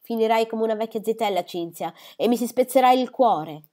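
A woman's voice: a little high, brisk, a little mellow, voice pushed up, natural voice. A woman reading a novel aloud, voicing a fretful, self-pitying middle-aged mother who scolds her daughter. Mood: reproachful. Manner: complaining, reproachful.

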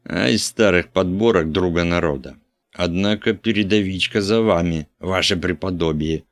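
A man's voice: low-pitched, moderate pace, dry recording. A man voicing a meek matter-of-fact typesetter. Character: timid plodding typesetter, man. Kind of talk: audiobook character voice.

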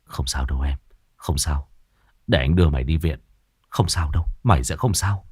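A man's voice: low voice, very animated, moderate pace. A man voicing a loyal, hot-headed young gang boss in an audio horror story, who hisses in anger and cries out in grief. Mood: soothing.

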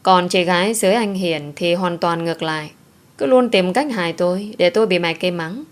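Calm woman storyteller, low voice. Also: a little fast. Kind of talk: first-person story narration.

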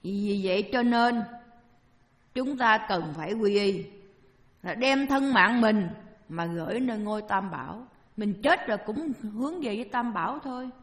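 A woman's voice: mid-range voice, animated, a little slow. A woman giving a Buddhist dharma talk, asking her listeners questions and answering them herself with homely everyday examples. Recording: long hall reverb.

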